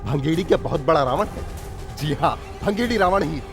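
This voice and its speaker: A sneering, arrogant village villain in a dubbed film. His voice sits high and swings widely as he taunts, while loud music plays underneath. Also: lively intonation, a little fast. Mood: taunting. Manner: taunting, sneering, mocking laughter. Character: arrogant, menacing male village strongman villain. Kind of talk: Hindi film dubbing.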